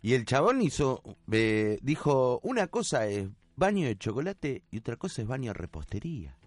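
A young man with an Argentine Rioplatense accent, a podcast co-host chatting casually and reacting with quick, teasing comments. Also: mid-range voice, very animated, dry recording. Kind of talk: casual chat.

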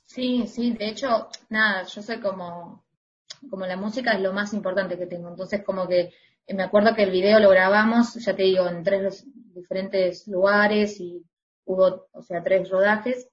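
A woman's voice: medium pitch, steady tone, moderate pace, highs cut off. Chatty Argentine woman singer. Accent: Argentine Spanish. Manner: chatty, laughs often, filler-heavy. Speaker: independent singer, guest. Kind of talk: casual interview chat.

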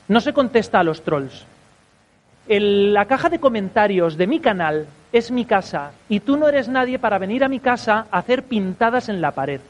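A man's voice: sits high, lo-fi sound. A man, a podcaster giving an informal talk to an audience, chatty and constantly checking in with his listeners. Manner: chatty, constantly tags sentences with a questioning check.

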